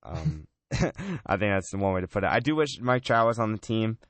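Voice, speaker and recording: A man hosting a casual sports talk show on college radio, chatty and relaxed, often saying "man" and "I mean". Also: on the low side, moderate pace, no room sound.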